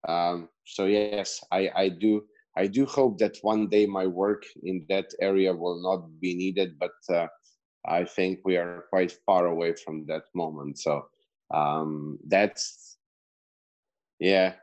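A man's voice: low voice, steady tone, takes it slowly, a little mellow, muffled recording. A middle-aged man from Slovenia, a podcast guest and business coach, talking in a rambling, chatty way with many fillers and restarts. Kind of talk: casual interview answer.

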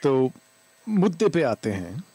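A man's voice: mid-range voice, very animated, very fast, warm tone, husky. A man with an Indian accent hosting a radio call-in show, chatting casually with flirtatious, teasing banter. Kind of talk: casual chat, mixing English and Hindi. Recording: music behind the voice.

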